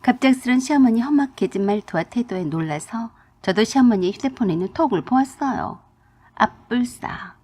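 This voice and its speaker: Woman narrating a story, lively voice. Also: fairly high pitch, brisk, slightly rough. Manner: confiding, dramatic retelling. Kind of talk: first-person story narration.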